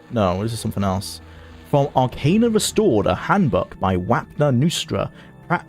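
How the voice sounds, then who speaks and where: A man's voice: medium pitch, darkish tone. A man streaming a video game, chatting casually and thinking aloud in an amused way. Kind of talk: casual gameplay commentary.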